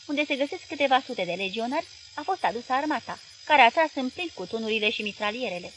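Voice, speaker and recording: A woman reading a novel aloud as an audiobook narrator, in a measured and expressive way. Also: a little high, slight background noise, poor audio.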